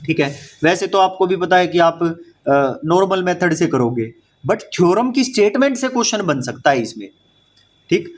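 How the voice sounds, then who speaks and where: A man's voice: high-pitched, animated, normal speed. A man teaching an exam-prep maths class, mixing English terms into Hindi with an Indian accent, explaining step by step and often checking that students follow. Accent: Indian English mixed into Hindi. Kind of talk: online exam-prep lecture.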